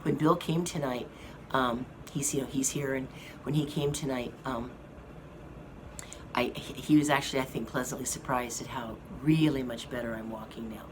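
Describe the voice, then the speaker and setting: A woman with a hoarse, very deep voice casually updates her viewers on her health, talking slowly and haltingly with plenty of fillers. Her intonation is fairly even, and an air conditioning fan hums noisily in the hospital rehab room.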